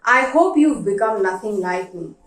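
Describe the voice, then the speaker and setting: A woman giving a dramatic literary reading of letters, measured and pausing for emphasis. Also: mid-range voice, lively intonation. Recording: roomy echo, distant from microphone.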